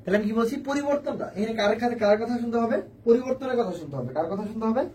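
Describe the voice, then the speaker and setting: High-voiced young man teaching, teasing. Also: lively intonation, racing, darkish tone, far from the mic, a little hiss or hum, rough recording. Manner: teasing, repeats questions and answers, mixes English into Bengali. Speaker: admission test tutor. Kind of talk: lively classroom lecture.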